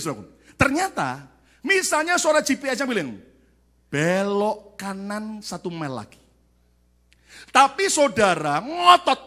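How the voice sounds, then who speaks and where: A man preaching a sermon as pastor to a church congregation, asking questions and calling for answers, swinging from loud shouted peaks to quiet asides. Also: mid-range voice. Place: large church sanctuary.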